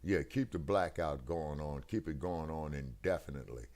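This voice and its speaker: A man with a deep, low-pitched voice, heard over a video call through a headset while the connection breaks up now and then. His manner is emphatic and preachy, and he keeps checking whether his listener follows. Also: moderate pace, a little mellow. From United States. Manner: emphatic, preachy, keeps asking "you see what I'm saying?". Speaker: co-host of a talk stream. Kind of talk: casual political discussion.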